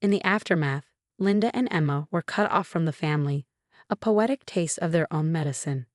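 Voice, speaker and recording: A woman reading a scripted first-person story in a steady, measured way. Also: deep voice, no room sound, studio quality. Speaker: story narrator.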